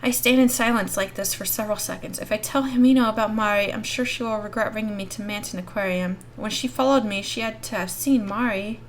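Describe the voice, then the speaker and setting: In a gaming video, the YouTube host gives an expressive read-aloud of a visual novel. She talks briskly in a mid-range voice, with few pauses and a slight hiss or hum in the audio.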